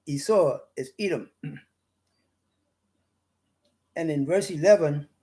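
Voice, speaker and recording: A Bahamian man giving an informal Bible study, reading verses slowly and pausing often with fillers and restarts. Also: a little high, dark tone. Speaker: Bible teacher. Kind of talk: slow informal scripture study talk.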